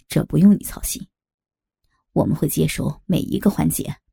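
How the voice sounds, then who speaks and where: A woman doing a low, gravelly, cold gang boss. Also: no echo, clean studio sound, full character voice. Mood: coolly menacing. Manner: calm, measured threats. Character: cold calm male gang boss, menacing. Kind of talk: audiobook character voice.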